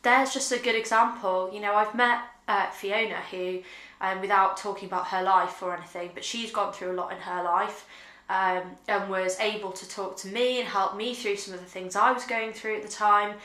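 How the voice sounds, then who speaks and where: A young woman talking earnestly and reflectively to camera in a casual vlog, pausing often with fillers, seated on a sofa at home. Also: mid-range voice, fairly even intonation, sharp tone, roomy sound. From United Kingdom. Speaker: vlogger. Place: living room with sofa, indoors.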